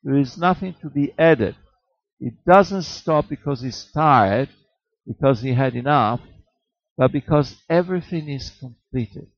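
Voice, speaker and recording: A man's voice: medium pitch, a little slow, dry recording. A man preaching a sermon, rhetorical and emphatic, repeating words and chuckling at his own jokes. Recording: dull, slightly muffled dry recording.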